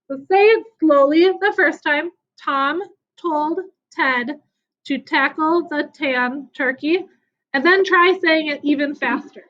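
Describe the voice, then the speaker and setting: High-voiced encouraging woman teacher online. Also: a bit bright. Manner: upbeat, encouraging, speaks to children. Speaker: elementary school teacher. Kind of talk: online class lesson. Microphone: video call. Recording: dull lo-fi video call audio.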